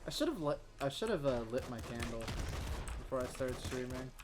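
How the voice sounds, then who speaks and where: A game streamer from the Southern United States, with a Southern accent and a mid-range voice, rambles and jokes through casual gameplay commentary at a moderate pace. He makes self-mocking jokes and lets out sudden excited squeals, with music in the background and clear keyboard typing and clicks behind him.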